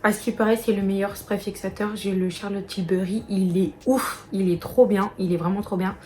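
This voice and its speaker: A woman's voice: medium pitch, steady tone, moderate pace, mellow, slight background noise. A young woman walking viewers through a casual makeup tutorial, chatty and talking straight to them. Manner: chatty, addresses viewers directly. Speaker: beauty vlogger.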